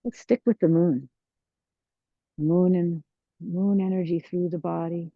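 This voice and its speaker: A woman's voice: fairly low pitch, fairly even intonation, unhurried, phone-quality sound. Serene woman tai chi instructor, roomy sound. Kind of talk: guided tai chi class cues.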